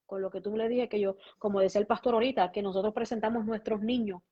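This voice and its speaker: A woman's voice: mid-range voice, steady tone, fast talker, breathy edge. A woman pastor, giving her testimony as an interview guest and acting out both sides of the conversations she recounts. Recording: dull lo-fi sound.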